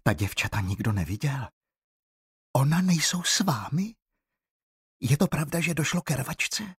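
A man's voice: on the high side, animated, slightly rough, no echo, studio quality, voice pushed up. A man voicing a tense woman teacher who gives urgent commands, in an audiobook. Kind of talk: audiobook character voice.

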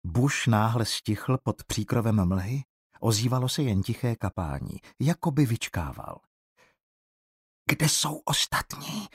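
A man narrating an audiobook in a measured, suspenseful reading. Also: on the low side, animated, darkish tone, breathy edge, no echo, clean studio sound. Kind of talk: scripted narration.

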